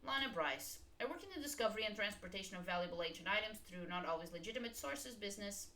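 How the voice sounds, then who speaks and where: A woman's voice: mid-range voice, animated, fast, pushed and bright. A woman playing a sardonic, bantering spacefaring character in a scripted sci-fi audio drama. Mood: dry, cocky.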